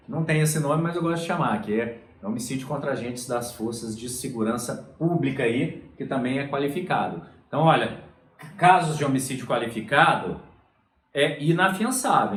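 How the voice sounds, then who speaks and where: A man with a fairly high voice lectures on law in an echoey room. He explains each point step by step and keeps checking in with his listeners. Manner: explanatory, repeats "olha só" and "tá?".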